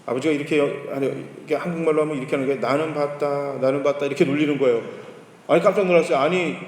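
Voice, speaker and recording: Male pastor, storytelling sermon, slightly high voice, reverberant church hall. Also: a little mellow. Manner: conversational storytelling preacher. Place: church sanctuary.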